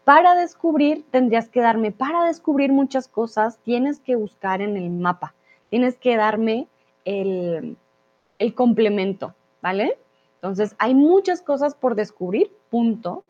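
A woman from Colombia teaches a live Spanish class online, reading out viewers' comments in a friendly way. Her voice sits a bit high, and she slows down to stress the words that matter. The recording sounds dull and lo-fi. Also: lively intonation, darkish tone. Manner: friendly, explains slowly and stresses key words. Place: Mexico.

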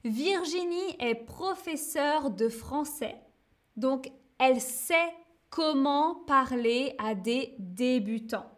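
A woman teaching learners, speaking slowly and deliberately, repeating words and tagging phrases with little fillers. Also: high voice, lively intonation. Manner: slow and deliberate, repeats words, frequent "hein" and "euh". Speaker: French teacher. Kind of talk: slow learner-friendly explanation.

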